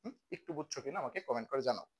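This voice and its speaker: A man's voice: mid-range voice, animated, racing, husky. A young man teaching a chemistry lesson in a casual style, often asking a question and then answering it himself. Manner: conversational, asks questions and answers them himself. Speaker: chemistry tutor.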